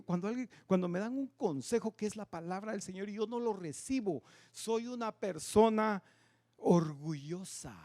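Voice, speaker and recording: A man preaching a sermon in a church, asking the congregation many questions and swinging between loud emphatic lines and quiet asides. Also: sits high. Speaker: pastor. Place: church sanctuary.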